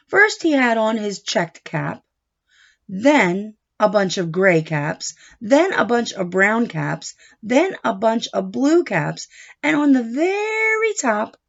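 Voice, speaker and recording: This teacher, a woman with a creaky mid-range voice, reads a picture book aloud to little kids in short, deliberate phrases. She teaches by asking questions and answering them, and turns expressive for the story itself. The sound is dull and lo-fi.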